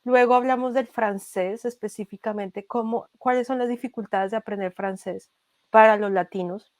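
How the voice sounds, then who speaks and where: A young Colombian woman giving a casual interview, speaking thoughtfully and pausing often with fillers and restarts. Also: fairly high pitch, steady tone, no room sound. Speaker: podcast creator, interview guest.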